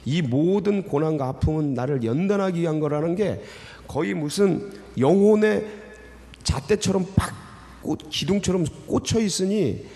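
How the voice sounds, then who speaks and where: A pastor delivers an early morning sermon in a church sanctuary, preaching in a loose, emotional, conversational style full of fillers, often breaking off to restart sentences. His voice is fairly high, expressive and dark in tone at a normal pace, with church hall reverb around it.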